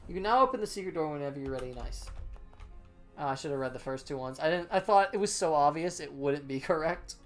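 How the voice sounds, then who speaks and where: A man reading a game aloud as he plays, in casual playthrough narration. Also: fairly high pitch. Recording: music behind the voice.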